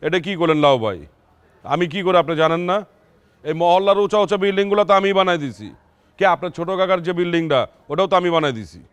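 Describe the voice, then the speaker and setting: Sketch, a man as a cocky contractor, smooth quick voice, dry. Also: high-pitched, lively intonation, no room sound. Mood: boastful. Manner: boastful, defiant. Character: boastful male building contractor, defiant.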